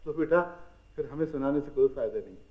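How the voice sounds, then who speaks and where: A man's voice: medium pitch, expressive, fast, lightly acted. An actor playing an older fatherly man who teases mildly and talks patiently, in an old TV drama. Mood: soothing. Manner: mild, dryly humorous. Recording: tinny, phone-like old TV audio, faint music.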